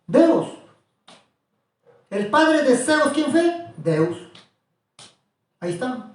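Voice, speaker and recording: A man's voice: very high-pitched, big pitch swings, drawn-out words, a little mellow. A man teaching a small group about religion, asking questions again and again in an insistent way. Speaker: preacher. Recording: echoey room, voice from far off.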